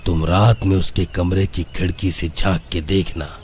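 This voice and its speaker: A man voicing a gruff old village grandfather in a cartoon story. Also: low-pitched, flat delivery, normal speed, a little mellow, slight background noise, lightly acted.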